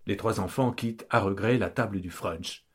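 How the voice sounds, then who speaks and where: A man's voice: on the low side, moderate pace, slightly rough. A man narrating a comic story in a pompous, theatrical manner.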